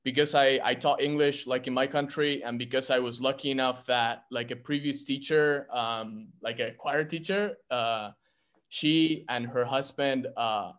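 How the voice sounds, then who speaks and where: A young man from Argentina talking casually in a group discussion, halting with lots of fillers and restarts. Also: mid-range voice, steady tone, fairly bright tone. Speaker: actor in a script reading.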